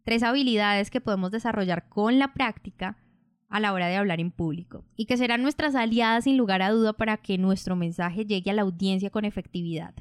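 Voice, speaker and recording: A woman teaching public speaking on her podcast in a calm, measured, explanatory way. Her voice is smooth and resonant, with a medium pitch. The close mic sounds dry and intimate. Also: no room sound. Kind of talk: instructional podcast narration.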